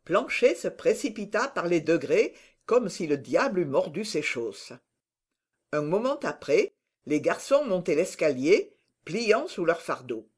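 An audiobook narrator reading a classic adventure novel with slow, expressive storytelling. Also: medium pitch, husky.

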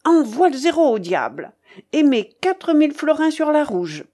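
Role: bossy elderly grandmother gambler in an audiobook, put on by a woman reader, high and loud, swinging in pitch. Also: big pitch swings, normal speed. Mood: commanding, eager. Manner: bossy, barking orders. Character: imperious old grandmother gambler, impatient and hot-tempered. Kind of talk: audiobook character voice.

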